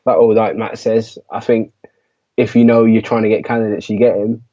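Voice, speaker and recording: A man's voice: on the low side, little pitch movement, moderate pace, dark tone. A man co-hosting a casual fan podcast, agreeable and easygoing, filling his talk with "yeah" and "you know". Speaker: podcast co-host. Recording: dull lo-fi audio.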